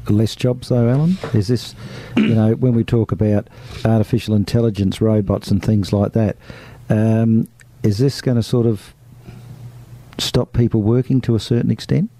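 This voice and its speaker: An Australian man conducts a casual, conversational interview. His voice is very dark and soft-edged, set slightly low, and it sounds dry with hardly any room around it. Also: steady tone, moderate pace, no echo.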